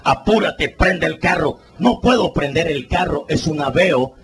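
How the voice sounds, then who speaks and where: A man voicing panicked young male car thieves in a hurried, frantic rush. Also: a little high, lively intonation, pitched above the performer's own voice.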